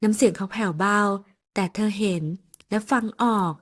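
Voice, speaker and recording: Husky woman reading an audio novel. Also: medium pitch, normal speed. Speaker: audiobook narrator.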